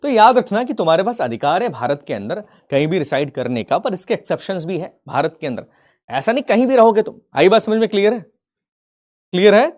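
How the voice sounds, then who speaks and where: A man teaching a live online class in speech, animated and repetitive, often asking if the students have understood. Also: high-pitched, quick pace.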